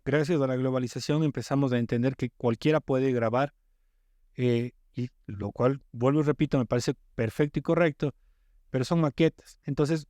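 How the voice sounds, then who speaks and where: Guesting on a relaxed podcast, this coastal Ecuadorian music producer talks in an emphatic, explanatory way, frequently restarting with repeated words. The recording is dry and studio quality, carrying his mid-range, darkish voice.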